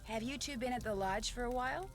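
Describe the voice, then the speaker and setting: A woman voices a polite, inquisitive young amateur detective in a mystery game. Her voice sits a little high, and game music plays clearly beneath it. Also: fast, lightly acted. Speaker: game character. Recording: game audio with music underneath.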